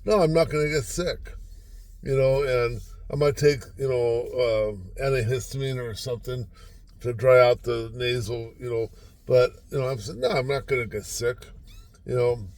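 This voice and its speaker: An older man vlogs from inside a parked car, giving a casual, rambling motivational talk to the camera in a folksy, self-deprecating way and often repeating himself. His voice is medium-pitched and a little mellow, at a normal speed, in a dry recording.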